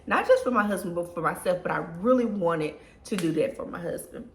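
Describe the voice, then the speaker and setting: A woman's voice: lowish voice, lively intonation, brisk, slight background noise. A woman in her thirties telling a personal story to her viewers in a casual, emotional way, often saying "y'all". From Southern US. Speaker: lifestyle vlogger. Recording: echoey room.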